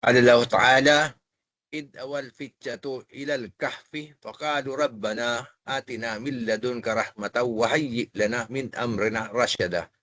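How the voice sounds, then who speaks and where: A man's voice: medium pitch, fairly even intonation, rapid-fire, fairly bright tone, no room sound. A man reading religious texts aloud in a class.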